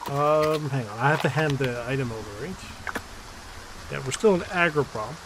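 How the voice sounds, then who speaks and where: A young man streaming a shooter game, talking in a loose, rambling way and laughing often as he answers his chat. His voice sits at a middle pitch, and clear gunfire and game noise crackle behind him. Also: normal speed. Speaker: gaming streamer. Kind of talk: casual let's-play commentary. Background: game sounds, gunshots.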